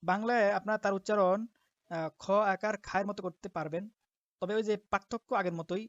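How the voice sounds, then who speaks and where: A woman teaching the Arabic letters step by step as a Quran teacher, patiently repeating each sound slowly. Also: medium pitch, dry recording. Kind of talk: step-by-step alphabet lesson. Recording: dull lo-fi dry recording.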